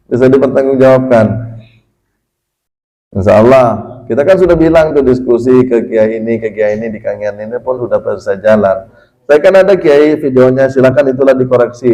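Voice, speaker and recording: A man giving a casual religious study lecture as a teacher, talking conversationally and breaking into sudden high, emphatic bursts. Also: warm tone, rough recording.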